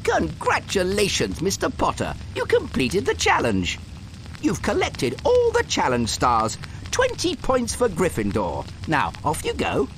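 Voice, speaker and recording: Professor Flitwick, wildly swooping elderly wizard. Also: male voice, high voice, wildly swooping pitch, measured pace, a bit bright, a little hiss or hum, heavily acted, rough recording. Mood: congratulatory. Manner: theatrical, formal, encouraging. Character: tiny excitable elderly male wizard charms professor. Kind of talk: video game character acting.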